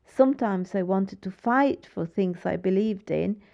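A woman with a Mexican Spanish accent speaks in a measured, earnest way. Her voice has a gravelly edge. The recording is a little dull. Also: medium pitch, dark tone. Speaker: interviewee. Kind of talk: personal account.

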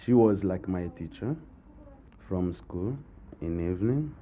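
Slow-spoken man. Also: low voice, lively intonation. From Republic of Congo. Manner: slow and hesitant, with fillers. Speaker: interviewee. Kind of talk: personal account. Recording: phone-like line with faint noise.

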